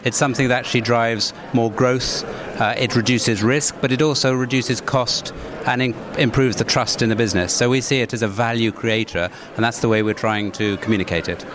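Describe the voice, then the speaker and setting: A man giving measured, businesslike interview answers as a corporate executive. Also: medium pitch, fairly even intonation. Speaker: investor relations executive, interviewee. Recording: busy crowded event, background chatter. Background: crowd noise.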